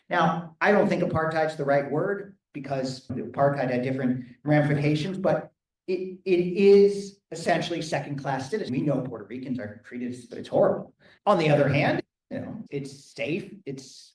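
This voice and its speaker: In a large, echoey hall, a rabbi fields questions from a lecture audience, pondering aloud and often starting over. His fairly high, darkish voice comes from far away because the microphone is failing and he's speaking loudly from a distance.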